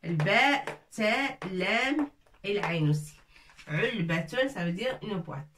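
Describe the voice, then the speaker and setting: A woman's voice: mid-range voice, lively intonation, slow, a bit bright, distant mic, a little hiss or hum. A woman teaching a lesson, patiently repeating each word and breaking it into syllables. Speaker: Arabic teacher. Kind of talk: slow spelled-out language lesson.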